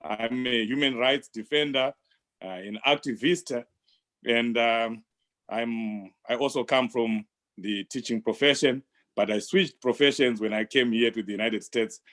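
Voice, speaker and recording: Middle-aged man, interview guest, mid-pitched, slow and halting. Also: a bit bright. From Zimbabwe. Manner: measured, halting, many pauses. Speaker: guest, human rights activist. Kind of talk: interview answers.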